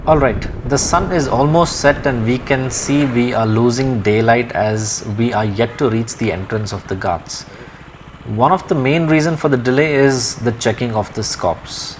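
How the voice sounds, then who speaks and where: A young man from India talks through his helmet mic as he rides, easygoing and plain-spoken, at a mid pitch. Road and engine noise hum clearly behind him. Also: normal speed. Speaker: motovlogger. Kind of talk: casual travel vlog narration. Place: on a motorbike on a road.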